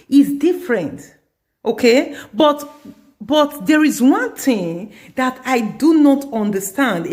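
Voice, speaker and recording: A middle-aged woman, telling a story in an earnest advice vlog and repeating her points for emphasis. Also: on the high side. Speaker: community advice vlogger.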